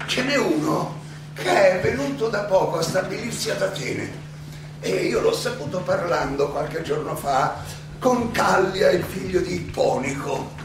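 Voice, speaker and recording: An actor playing Socrates, a wry old Athenian philosopher defending himself in court in a halting, ironic theatrical monologue full of repetitions. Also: male voice, high-pitched. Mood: ironic, musing. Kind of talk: theatrical stage monologue, conversational oratory. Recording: distant echoey stage recording, noisy background.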